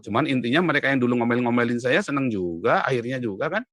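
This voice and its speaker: A man giving an animated interview testimony as an evangelist, emphatic and often rising sharply in pitch and loudness, addressing the host respectfully. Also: fast talker, dry recording. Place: Europe.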